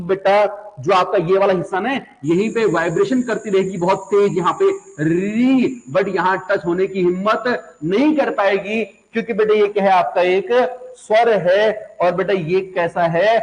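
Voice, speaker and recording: A man's voice: high-pitched, in a large hall, poor audio. A man teaching an online grammar class, calling his students "beta", asking again and again whether they follow, and repeating each point several times.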